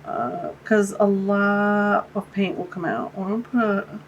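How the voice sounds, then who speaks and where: Speaking a little slowly in a steady, mid-range voice that sounds stuffy and congested, a woman hosts a casual art-supply unboxing vlog for her art channel, gushing, chatting and cooing over tiny things. The lo-fi sound has a little hiss or hum and comes from a camera-mounted shotgun mic, with an overhead tabletop shot in her home art studio.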